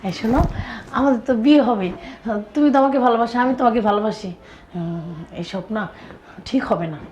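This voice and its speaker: Woman as anxious young fiancée, pleading, slightly high voice, noisy recording. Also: animated, fairly quick, a little mellow, dull audio, lightly acted. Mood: worried. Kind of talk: amateur short-film acting.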